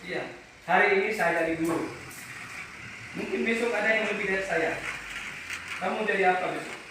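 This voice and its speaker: A man teaches a class, pitched high and full of restarts and "ya" tags. He keeps asking the pupils questions and repeats his points. The recording is echoey and distant, with noise behind him. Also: normal speed. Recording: echoey, from far off, noisy.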